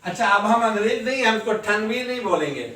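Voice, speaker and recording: A man teaching a class, slowly drilling letter sounds and asking students questions. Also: sits high, animated, sharp tone. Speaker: English teacher. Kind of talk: classroom lesson. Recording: echoey room, distant mic.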